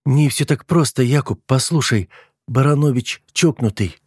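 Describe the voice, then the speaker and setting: Guy putting on a scared teary young woman, voice pushed up high, dry close sound. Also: normal speed, slightly rough, no room sound, close to an everyday voice. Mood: frightened pleading. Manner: tearful, pleading delivery in a raised pitch. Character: frightened young woman, tearful and pleading.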